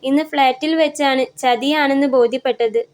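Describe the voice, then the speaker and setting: A woman voicing a frightened young woman in a story, crying and pleading softly for help. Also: high voice, steady tone, normal speed, close to an everyday voice. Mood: tearful pleading. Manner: pleading, soft.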